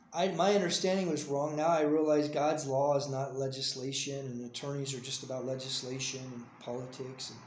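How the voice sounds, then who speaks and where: A man's voice: medium pitch, roomy sound, slight background noise, poor audio. A middle-aged man, a father speaking earnestly to his estranged child in a personal video message, pleading and insistent. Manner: earnest, pleading, drifts between soft mumbling and heated insistence.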